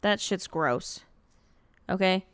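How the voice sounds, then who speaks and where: A woman's voice: medium pitch, expressive, slow pace, a bit bright. A young adult woman from Michigan co-hosting a casual podcast on a headset mic, blunt and exasperated, swearing freely. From Dearborn, Michigan. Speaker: podcast co-host. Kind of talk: casual chat.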